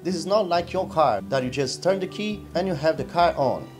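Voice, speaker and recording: A man's voice: on the high side, expressive, brisk, over music. A young man whose first language is Portuguese, hosting a vlog and explaining life on a sailboat in eager, non-native English. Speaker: vlog host. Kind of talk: casual touring narration. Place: on a sailboat, cabin and deck.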